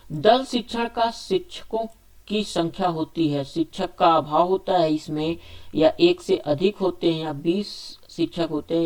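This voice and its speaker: A man's voice: on the high side, darkish tone. A male teacher running a spoken exam quiz lesson. He reads each question, asks it aloud and answers it himself, restating the options again and again. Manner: repetitive, restates options several times.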